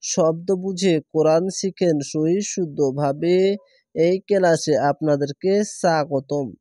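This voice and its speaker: A man leads a Quran reading lesson, spelling each syllable slowly before joining the words into drawn-out recitation. His voice sits somewhat high but sounds mellow and dark. The recording is dry and close, with no room sound. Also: fairly even intonation, dry recording.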